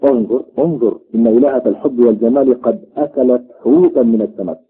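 A man's voice: mid-range voice, fast talker, husky. A man voicing an astonished giant king who whispers his amazement, on a tinny, phone-like recording. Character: puzzled, gluttony-struck male giant king.

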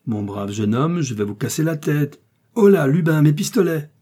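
A man's voice: medium pitch, expressive, moderate pace, a little mellow, breathy edge. A man reading an audiobook and voicing a proud young male nobleman who speaks curtly and haughtily. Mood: threatening. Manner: haughty and curt. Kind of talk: audiobook character voice.

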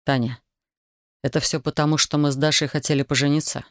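A woman reading an audiobook, voicing a defensive young man in a lowered, subdued voice. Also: flat delivery, a little fast, dry recording, clean studio sound. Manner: low, subdued and curt.

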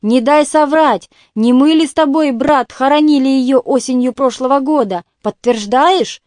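A woman voicing a tipsy, excitable male officer at a feast who speaks loudly and insistently. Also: high-pitched, unhurried, no room sound, clean studio sound. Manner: loud, insistent storytelling.

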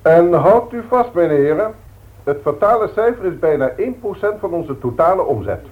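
In a 1960s radio drama, a male actor with a Dutch accent plays a formal, long-winded company director giving a boardroom address in measured, pompous speeches. His voice is high-pitched and expressive, the mood grave and stern, heard through a thin, phone-like old radio recording.

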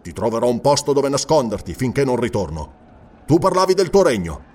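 A man's voice: medium pitch, very animated, a little fast, darkish tone, distant mic. A man doing a blunt, hot-tempered barbarian chief. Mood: defiant. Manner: blunt, cursing, gruff. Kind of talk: audiobook character voice.

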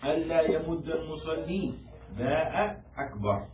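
A man's voice: on the high side, measured pace, darkish tone. A man teaching Islamic law to a class, explaining a text and often checking that his students follow. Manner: quizzes students and has them repeat words. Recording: echoey room, distant mic, faint noise.

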